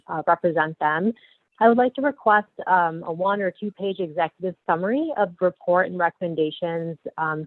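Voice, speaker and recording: A woman calling into a group voice call to make a polite, formal public comment, often pausing with hesitations. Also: fairly low pitch, no room sound. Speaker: public caller at a council meeting. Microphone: phone. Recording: tinny phone line, dry.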